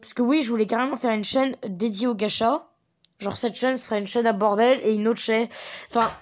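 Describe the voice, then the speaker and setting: A woman giving rambling, chatty commentary on a mobile game from her bedroom at home. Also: a little high. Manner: chatty, rambling, quick to get excited. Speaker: gameplay commentator. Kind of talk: casual gaming commentary.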